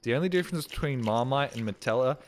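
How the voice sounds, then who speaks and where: A man's voice: mid-range voice, lively intonation, fast. A young man streaming a game, joking, swearing and chatting with his viewers. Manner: joking, sardonic, swears a lot, chats to viewers. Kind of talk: casual live-stream commentary. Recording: noisy stream recording.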